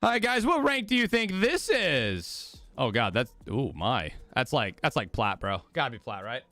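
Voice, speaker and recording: With big pitch swings and a sharp tone, a man's mid-range voice moves at a moderate pace as he hosts a watch party on his livestream. He talks casually to viewers in hyped, swear-filled bro slang. His voice is strained from overuse and he's losing it.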